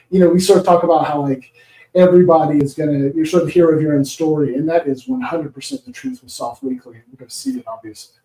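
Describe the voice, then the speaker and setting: A man's voice: fairly high pitch, warm tone. Wry man in an echoey room. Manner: wry, hedging, critical commentary. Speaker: podcast guest. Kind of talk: casual podcast chat.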